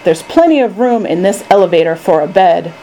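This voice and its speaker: Lady reading as bossy eccentric candy man, storybook, mellow but swooping, bit of noise. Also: lowish voice, expressive, brisk, poor audio. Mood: excited, decisive. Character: eccentric, excitable, commanding male candy maker.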